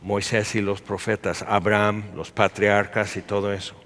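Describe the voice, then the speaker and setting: A man with a Mexican Spanish accent preaching a conversational sermon, chatty, full of quick asides and acted-out quotes. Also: lowish voice, flat delivery, fairly bright tone. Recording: long hall reverb.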